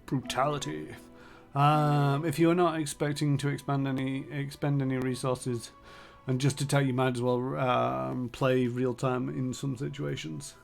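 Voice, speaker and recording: Brief: gravelly man streaming a game, casual, thinking aloud, mid-pitched voice. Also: flat delivery, measured pace, faint music behind. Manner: rambling, thinking aloud with many fillers. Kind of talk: casual gameplay commentary.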